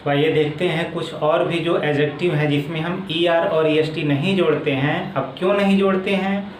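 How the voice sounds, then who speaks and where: High-voiced man teaching grammar. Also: steady tone. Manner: slow, step-by-step explaining, repeating each word form. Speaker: English teacher. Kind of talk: explaining grammar in a video lesson. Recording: echoey room with faint background noise.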